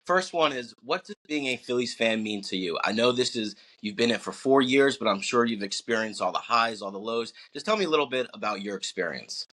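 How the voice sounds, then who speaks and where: A man's voice: mid-range voice, expressive, brisk, few pauses, a bit bright. A young man from New Jersey hosting a casual podcast interview, upbeat and friendly as he asks questions. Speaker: podcast host.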